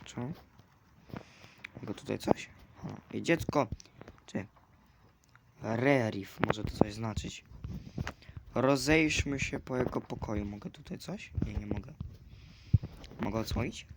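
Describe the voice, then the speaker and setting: A man commentating a video game, chatting to the game characters with sudden loud outbursts. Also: medium pitch, slow, long pauses. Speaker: gamer. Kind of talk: let's play commentary. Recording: clear clicking noise behind.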